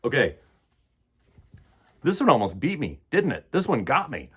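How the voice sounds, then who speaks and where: Reading aloud to children and chatting with them, this storytime host is theatrical and emphatic, jumping from loud outbursts to hushed asides. His medium-pitched voice swoops wildly in pitch, husky, at a normal speed.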